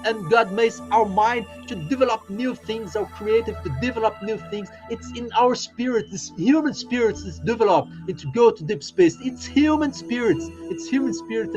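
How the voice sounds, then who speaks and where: A man's voice: high-pitched, normal speed, hardly any pauses, a little mellow, faint music behind. A Brazilian man speaking English with a Brazilian Portuguese accent, hosting a casual live stream. He rambles and repeats himself, with many fillers. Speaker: livestream host.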